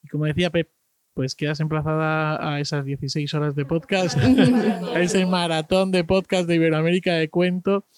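Chatty podcast host man, somewhat high. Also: little pitch movement, normal speed, clear, resonant tone. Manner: friendly, laughing, filler-heavy. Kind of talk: casual podcast hosting.

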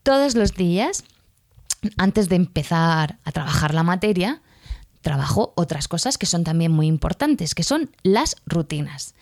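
Chatty woman teacher, mellow low voice. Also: very animated, measured pace, no room sound, clean studio sound. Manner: chatty, rambling with fillers and self-corrections. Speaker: primary school teacher podcaster. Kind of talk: casual podcast monologue.

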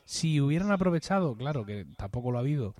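A man's voice: medium pitch, very animated, fast, darkish tone. A man co-hosting a casual podcast chat, talking in an enthusiastic, chatty way and laughing often. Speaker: podcast co-host.

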